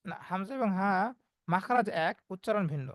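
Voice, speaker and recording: A man's voice: high-pitched, lively intonation, moderate pace, no room sound. A man teaching Quran recitation in an online class, explaining step by step and voicing the letter sounds as examples.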